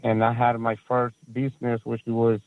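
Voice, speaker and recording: Talking at a moderate pace in a monotone, mid-range voice, a Chilean man in his forties with a Chilean Spanish accent rambles through a casual interview, filling gaps and restarting often. He owns a soccer facility and coaches, and the line sounds tinny and phone-like, with no room sound.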